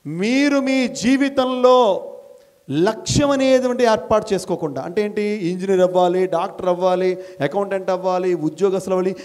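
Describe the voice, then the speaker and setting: Middle-aged man, high voice, motivational speaker, questions the crowd, repetitive rhetorical lists. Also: normal speed. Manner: fires questions at the audience and urges them to answer louder; repeats phrases in rising rhetorical chains. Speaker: motivational speaker and school principal. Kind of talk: motivational talk to college students. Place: college hall before students.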